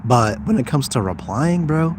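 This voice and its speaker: Animated and medium-pitched at a moderate pace, a young man live-streams on YouTube, chatting informally with slang and working through viewers' questions aloud. He speaks as a second-language speaker whose first language is Somali, with a noisy background.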